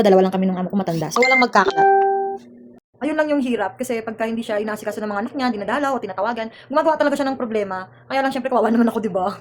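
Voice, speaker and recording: Woman from the Philippines, domestic worker vlogging; quick, slightly high, aggrieved storyteller. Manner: rapid, aggrieved recounting. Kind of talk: casual storytelling vlog. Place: employer's house indoors.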